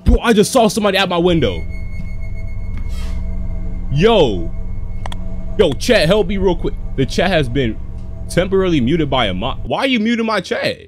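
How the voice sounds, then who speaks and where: A man's voice: high-pitched, sing-song, moderate pace, long pauses, soft background music. A young American man giving casual, slangy gameplay commentary as a streamer, reacting aloud into a close microphone. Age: young adult. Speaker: gaming streamer. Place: small indoor bedroom setup.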